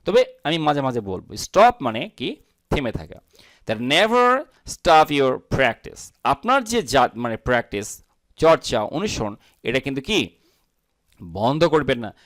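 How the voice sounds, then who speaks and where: A man teaching English in Bangla, reading each phrase slowly and repeating words to stress their sound. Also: mid-range voice, sing-song, a bit bright, no room sound. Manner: reads English slowly then explains in Bangla, switches pace often. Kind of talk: bilingual language lesson.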